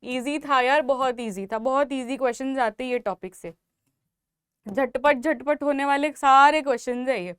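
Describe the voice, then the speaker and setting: A young woman with an Indian accent lectures on biology in a high voice, recorded on a dry close mic. She talks emphatically, repeating key terms and pushing her students to work hard. It sounds like a classroom exam-prep lesson. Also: normal speed, smooth, no echo. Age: young adult. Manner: emphatic, repetitive, motivational, calls out loudly to students. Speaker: biology teacher. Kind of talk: exam-prep lecture in Hindi mixed with English.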